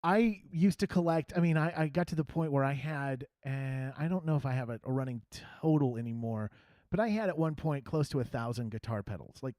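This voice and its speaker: A man's voice: fairly high pitch, brisk, dark tone, no room sound. A man hosting a podcast in casual chat, a self-mocking, jokey storyteller. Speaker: podcast host.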